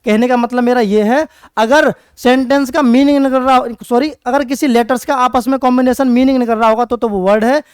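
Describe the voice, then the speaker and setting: Male tutor, high and clear voice, drills words by repetition, dry close sound. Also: steady tone, brisk, no room sound. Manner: repetitive call-and-response drilling; writes on a board while explaining. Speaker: English teacher. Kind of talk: exam-prep classroom lecture.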